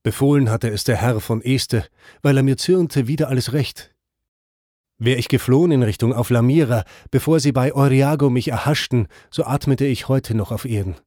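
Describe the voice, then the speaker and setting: Brief: the grave soul of a murdered man, as a man reads him, mellow and dry. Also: mid-range voice, moderate pace, dry recording, lightly acted. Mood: solemn. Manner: solemn, grave recounting. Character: murdered man's soul, pleading for prayers.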